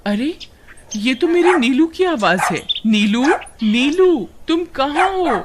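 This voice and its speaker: Brief: a woman as a young village wife in a cartoon, coos baby-talk to her dog, lively swooping voice, loud noisy track. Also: a little high, takes it slowly, pitched above the performer's own voice. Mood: joyful. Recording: loud background noise.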